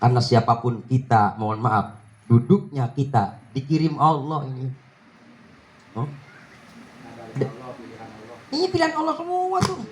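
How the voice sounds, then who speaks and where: A man preaching a humorous sermon, teasing his listeners and checking in with quick rhetorical questions. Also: medium pitch, sing-song, slight background noise.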